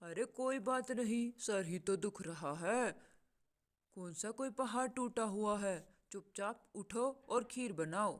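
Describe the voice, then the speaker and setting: A woman's voice: medium pitch, takes it slowly, lightly acted. A woman voicing a harsh, bossy mother-in-law bird in a cartoon. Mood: scolding. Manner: bossy, scolding.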